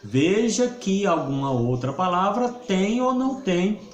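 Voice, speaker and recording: A male teacher explains grammar slowly and clearly. He often draws out syllables for emphasis, and his pitch moves up and down a lot. The room around him has a noticeable echo. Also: expressive, highs cut off. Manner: didactic, stretches syllables for emphasis. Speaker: Portuguese teacher. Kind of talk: video grammar lesson. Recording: roomy echo.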